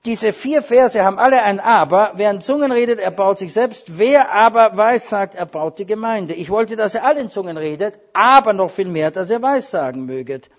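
A man preaching a sermon in a high, husky voice. He drives his points with loud, emphatic stresses, then drops into quieter asides. The recording is dull and lo-fi. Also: expressive, a little fast, hardly any pauses.

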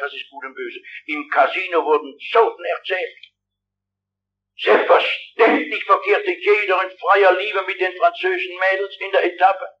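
An older man preaches to a packed hall in a high, urgent voice, pressing his listeners directly. His delivery is fervent and insistent. The recording is dull and lo-fi, with the muffled character of an old archive tape. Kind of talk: revival sermon. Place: large hall with a big audience.

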